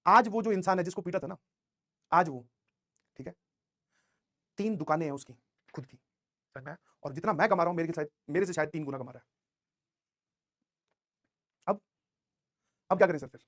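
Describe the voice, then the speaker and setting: A young man teaching a class of exam students, telling a motivational story in an animated way, with English phrases mixed in. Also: a little high, normal speed, pauses often. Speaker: coaching teacher.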